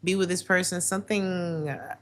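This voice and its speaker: A woman with a raspy smoker's voice, chatting casually and playfully as she gives a live tarot reading. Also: lowish voice, steady tone, moderate pace, a bit bright. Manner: playful, breaks into song lyrics and acted asides. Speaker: tarot reader hosting a livestream.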